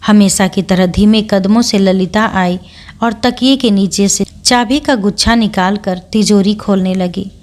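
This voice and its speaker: A woman storyteller reads a classic novel aloud in a steady, measured voice. Her pitch sits in an ordinary middle range. Her delivery is scripted audiobook narration.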